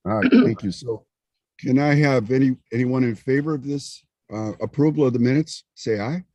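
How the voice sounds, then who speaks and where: A man's voice: mid-range voice, expressive, moderate pace, darkish tone, no room sound. A man chairing a committee meeting over a video call from his phone, speaking plainly with many fillers. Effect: speaking over a video call from a phone, connection breaking up. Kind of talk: chairing a public board meeting.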